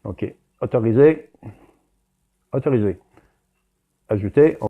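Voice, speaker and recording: A man's voice: mid-range voice, lively intonation, slow, narrow, tinny audio. A man with a Québécois French accent hosting a live stream, reading viewer comments aloud and chatting straight to his audience. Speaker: livestream host.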